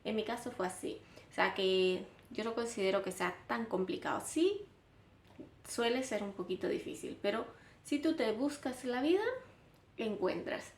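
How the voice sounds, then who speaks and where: A woman's voice: on the high side, normal speed. Woman, young, casual vlogger, filler-heavy, echoey room. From Honduras. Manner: chatty, with many fillers and restarts. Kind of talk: casual vlog talk to camera. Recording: roomy echo, faint background hum.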